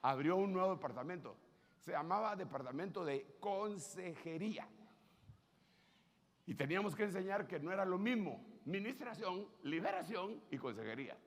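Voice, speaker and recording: A Honduran man in his sixties, a pastor preaching a sermon by telling stories, animated and joking as he acts out the people he quotes. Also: high voice, normal speed. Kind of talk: storytelling sermon.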